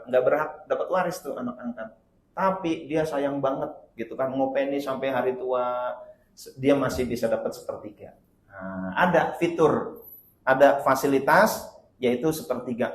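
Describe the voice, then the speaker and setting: A man preaching a sermon, telling stories in a lively way and rising loudly for emphasis. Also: mid-range voice. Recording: roomy hall echo.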